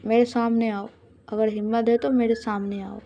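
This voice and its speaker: A woman's voice: on the high side, flat delivery, moderate pace, warm tone, natural voice. A woman voicing a drunk, boastful young man who blusters and threatens in an audio love story. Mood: blustering.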